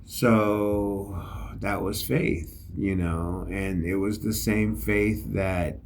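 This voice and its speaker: A man's voice: low voice, fairly even intonation, very slow, slight background noise. A middle-aged man, an army veteran, telling a story in a casual, rambling way with many fillers. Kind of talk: casual spoken reflection.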